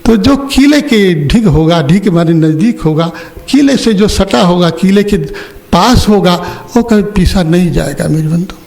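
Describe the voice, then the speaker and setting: This older man, a spiritual teacher, speaks at a measured pace in a high, gravelly, slightly mellow voice with lively intonation. Giving a religious discourse at an ashram opening ceremony hall, he tells a story and questions his listeners.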